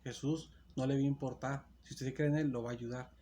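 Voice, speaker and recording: A man's voice: mid-range voice, steady tone, a little fast, mellow, slight background noise. Earnest male preacher retelling scripture. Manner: repetitive, earnest preaching with restarts and self-corrections; reads scripture aloud, then retells it. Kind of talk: sermon.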